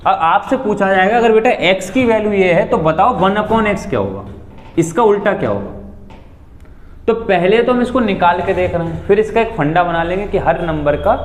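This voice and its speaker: Man, maths teacher, lively up-and-down voice, slightly high, echoey classroom, faint background hum. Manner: addresses students as beta, asks them questions.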